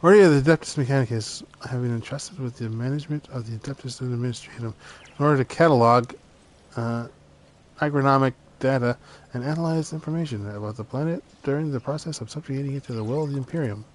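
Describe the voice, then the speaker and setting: A man's voice: medium pitch, fast talker. A man playing a video game, reading its dialogue aloud and often stumbling over the words between casual comments. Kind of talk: let's play commentary. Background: game music.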